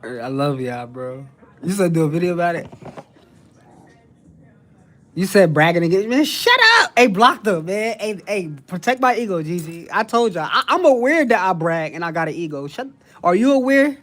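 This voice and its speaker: A man's voice: sits high, animated, moderate pace, fairly bright tone. A young man, talking casually to his livestream chat. He brags in heavy street slang, swears freely and reads out viewers' messages as he goes. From New Jersey. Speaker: livestream host.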